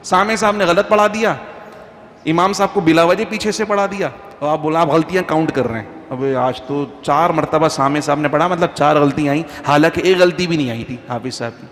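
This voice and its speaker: A man's voice: fairly high pitch, a bit bright. A man, a mufti, giving an informal religious talk to a congregation in a mosque, conversational and full of anecdotes. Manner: conversational, anecdotal, chants Quranic verses slowly. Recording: faint background noise, long reverb.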